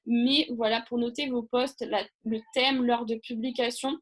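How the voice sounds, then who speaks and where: A woman's voice: a little high, level tone, measured pace. A woman giving a casual live online training over a video call, chatty and rambling, with many fillers and restarts.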